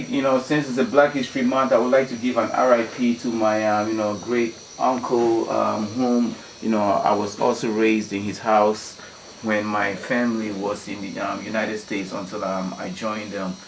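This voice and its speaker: A Ghanaian community activist appears as a guest in a radio studio, telling stories and using plenty of "you know" fillers. His voice is fairly low with little pitch movement, and he speaks at a normal speed. The roomy recording comes from a distant mic with faint noise.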